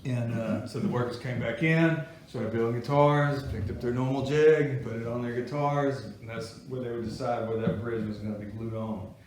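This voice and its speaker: A man's voice: mid-range voice, steady tone, moderate pace, hardly any pauses, darkish tone, recorded from a distance, a little hiss or hum. A man teaching a guitar-making class to a small group, explaining things in a folksy, chatty way. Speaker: guitar-building instructor. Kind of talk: casual workshop class talk. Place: workshop classroom with students. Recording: echoey room recorded from afar.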